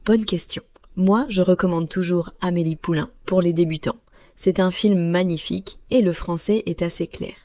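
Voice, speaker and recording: A woman co-hosting a learners' podcast, speaking clearly and slowly like a teacher. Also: lowish voice, fairly even intonation, mellow. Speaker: podcast co-host. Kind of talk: scripted podcast dialogue for learners.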